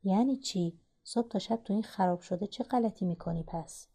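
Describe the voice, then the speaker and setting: A woman's voice: on the low side, fairly even intonation. A woman reading the part of a harsh middle-aged father who snaps at his family. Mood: gruff. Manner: harsh, shouting.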